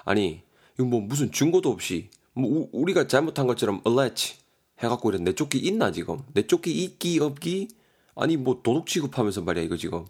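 A man's voice: lowish voice, lively intonation, moderate pace. Man reading as a fed-up Gyeongsang guy. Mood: exasperated. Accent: Gyeongsang Korean. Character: frustrated young man, fed up, complaining.

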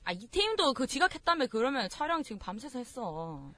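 A woman's voice: a little high, big pitch swings, fairly quick, crowd noise. A woman on a talk panel in a heated comic debate, blunt and combative. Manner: blunt, combative, acts out quotes.

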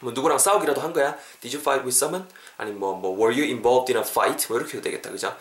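A man's voice: mid-range voice, moderate pace, fairly bright tone, reverberant. A Korean man teaching an English expression on a podcast, drilling phrases for listeners to repeat.

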